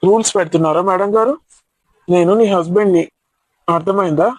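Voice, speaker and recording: A man's voice: high-pitched, brisk, a little mellow, no echo, low-quality recording. A man playing a playful husband who teases his wife and argues in mock protest. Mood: teasing. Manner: teasing, mock-argumentative. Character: teasing, playful middle-aged husband.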